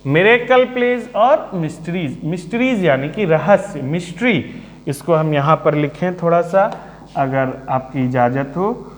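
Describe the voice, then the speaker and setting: A man teaching a literature class, speaking slowly and calmly, repeating and spelling out words for his students. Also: fairly high pitch. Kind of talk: Hindi-English literature lesson. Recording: echoey room.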